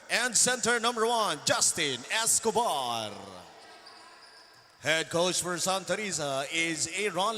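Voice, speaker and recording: Booming arena announcer in a hall. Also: male voice, bright, forceful tone, a little hiss or hum. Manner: booming, drawn-out player introductions. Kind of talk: announcing starting lineups. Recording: long hall reverb with faint music.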